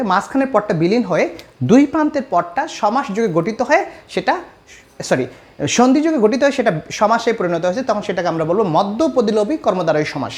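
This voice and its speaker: A man from Bangladesh giving an exam-prep grammar lesson as a tutor, explaining with examples and often pausing to hesitate. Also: high-pitched.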